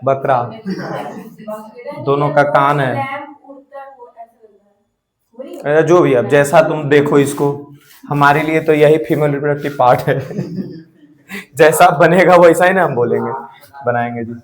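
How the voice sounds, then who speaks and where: A man's voice: a little high, animated, takes it slowly, long pauses. A man teaching a biology class, asking questions and answering them himself, mixing English terms into Hindi and checking in often. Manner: frequent "theek hai" check-ins.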